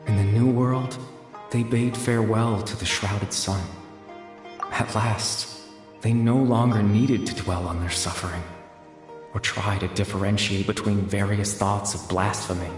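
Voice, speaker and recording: An actor playing a mysterious male storyteller who recites slowly and poetically, in a solemn tone. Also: fairly low pitch, steady tone, lightly acted. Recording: echoey reverb with music.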